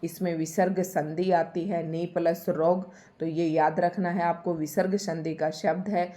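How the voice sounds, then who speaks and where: A woman's voice: fairly low pitch, level tone, measured pace, mellow. A woman teaching a Hindi spelling lesson for exam preparation. She explains patiently and says each word again and again to stress how it is spelled.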